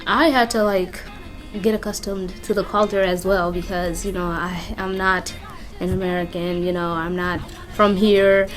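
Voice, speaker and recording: A woman's voice: on the low side, flat delivery, normal speed. A young woman from Kenya, talking earnestly and reflectively in a casual interview at a community center. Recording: music playing under the voice.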